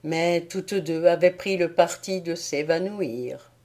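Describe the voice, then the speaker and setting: A woman reading an audiobook tale in a measured storytelling manner. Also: fairly low pitch, a little mellow. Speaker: audiobook reader. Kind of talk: scripted narration.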